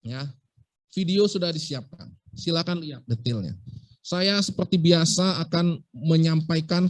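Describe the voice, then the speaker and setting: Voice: medium pitch, no room sound. A medical school lecturer giving a casual, playful lesson and often asking the class rhetorical questions.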